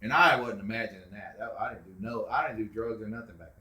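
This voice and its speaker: A middle-aged man tells his family's ghost stories in casual chat. His voice is bright and sharp, and the room gives it a noticeable echo. He gets animated and loud whenever he acts out what people said. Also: on the low side, quick pace. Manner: animated, acts out quotes loudly. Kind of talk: casual storytelling.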